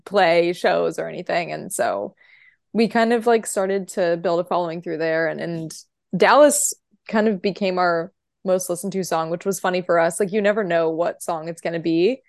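A woman's voice: fairly low pitch, normal speed, creaky, no echo, studio quality. A young woman in a band, chatting as a podcast guest, talkative and giggly. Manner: chatty, giggly, lots of fillers. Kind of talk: casual interview.

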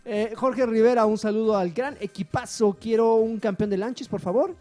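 A man's voice: sits high, steady tone, normal speed, mellow, faint music behind. A man with a Mexican accent hosting a casual podcast, reading out listener greetings with a joking manner. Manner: joking, reads names and greetings aloud.

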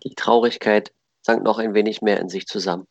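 A man narrating a story in a calm, measured way. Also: lowish voice, gravelly, dry recording, muffled recording.

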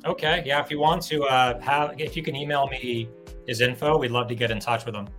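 A man's voice: mid-range voice, fairly even intonation, fairly quick, a bit bright, faint music behind. A man co-hosting a live talk show, enthusiastic and casual, explaining a giveaway segment and swearing freely. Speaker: co-host.

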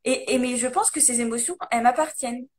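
A woman with a high voice explains her ideas eagerly in a relaxed chat. She stumbles over fillers and restarts as she works her points out. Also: quick pace, slight background noise. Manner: animated, explaining with many fillers. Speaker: guest, coach. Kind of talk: casual conversation, live video.

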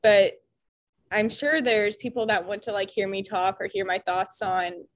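A young woman with a Midwestern American accent chats casually as a podcast co-host. She talks in a loose, self-deprecating way, sprinkling in plenty of "like" fillers. Her voice sits at an ordinary middle pitch. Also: steady tone, unhurried. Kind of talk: casual chat.

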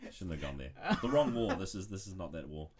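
A man's voice: sits low, animated, a little fast, a crowd in the background. A young man, co-hosting a casual podcast, joking and sarcastic. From New Zealand. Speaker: podcast co-host.

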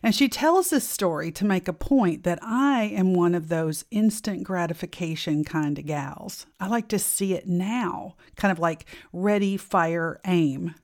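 Expressive woman hosting a podcast. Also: on the low side, a little slow, hardly any pauses. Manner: expressive, emphatic, warmly inviting. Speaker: podcast host. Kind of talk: scripted podcast monologue.

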